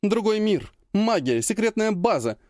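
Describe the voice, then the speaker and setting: An excitable, brash young woman bursts through an audiobook scene in a raised, lively voice, as a man puts her on. She talks loud and eager, and the recording is dry and close. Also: high-pitched, measured pace, dry recording, pitched above the performer's own voice.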